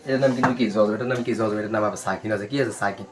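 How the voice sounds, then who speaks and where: A man teaching a Quran reading class, spelling Arabic letters out slowly and drilling them with repeated questions and answers. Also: on the low side, fairly even intonation, background noise. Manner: slow, syllable-by-syllable recitation.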